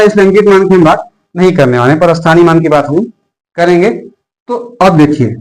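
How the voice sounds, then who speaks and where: A man's voice: sits high, poor audio. A male math teacher gives a classroom lesson, asking the class questions and answering them himself, with English number words mixed in.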